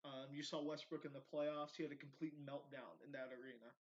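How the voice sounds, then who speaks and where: A man's voice: medium pitch, fairly even intonation, a little fast. A man hosting a casual sports podcast who swears in banter, then talks through his picks steadily. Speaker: podcast host. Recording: dull lo-fi audio.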